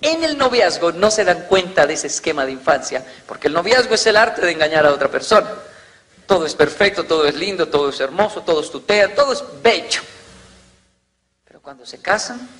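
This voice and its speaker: Brief: bright-toned male motivational speaker, lively storyteller who acts out scenes. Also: sits high, a little fast. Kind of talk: motivational talk.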